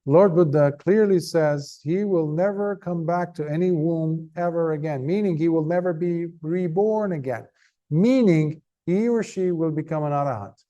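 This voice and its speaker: A man, a Buddhist monk, giving an earnest, conversational Dhamma talk to a group, tired, with emphatic stresses and pauses. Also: fairly high pitch, warm tone, highs cut off.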